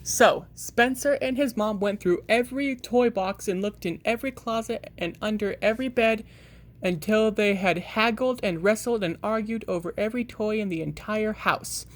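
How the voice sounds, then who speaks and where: A woman reading a children's picture book aloud in a lively storybook voice, with a few slips and restarts. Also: mid-range voice, normal speed. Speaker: reader.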